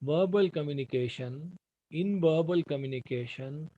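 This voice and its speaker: Higher-voiced Indian man giving a lesson. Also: normal speed, narrow, tinny audio. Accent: Indian English. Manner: shifts volume and pace to demonstrate. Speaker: trainer. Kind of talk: classroom lecture.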